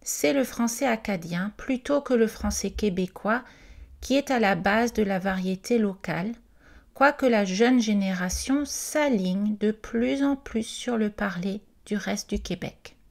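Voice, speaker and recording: A woman's voice: medium pitch, unhurried, creaky. A woman reading an informational presentation aloud, carefully and with the odd hesitant aside. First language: not Quebec French.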